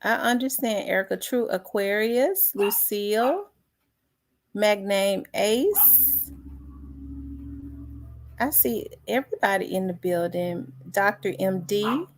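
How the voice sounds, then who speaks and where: A woman hosting a casual livestream greets viewers by name, reading them out unhurriedly with lots of ums and other fillers. Her voice is mid-range, with slight background noise.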